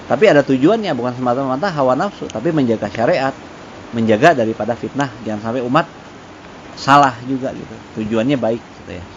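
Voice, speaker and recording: A man teaching a religious study lesson in a relaxed, conversational way, mixing in Arabic recitation. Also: medium pitch, a little fast. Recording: dull lo-fi with faint noise.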